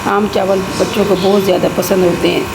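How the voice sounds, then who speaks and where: A woman's voice: mid-range voice, flat delivery, quick pace, very noisy. A woman narrating her cooking chores for a home vlog in a matter-of-fact, step-by-step way. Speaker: vlogger.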